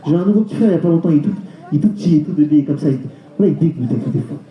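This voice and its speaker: A male stand-up comedian doing a live routine, telling rapid, animated stories and slipping into acted voices. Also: on the high side, highs cut off. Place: live comedy show venue. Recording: echoey venue with crowd.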